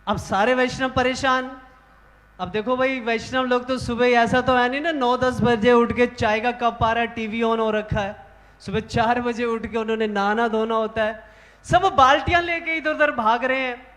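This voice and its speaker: A man, a monk, telling devotional stories to a large gathering in an animated, emphatic way. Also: very high-pitched, moderate pace, big-room sound. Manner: animated, rising to emphatic exclamations. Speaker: monk speaking at a religious assembly. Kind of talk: devotional storytelling talk. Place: large gathering hall of monks.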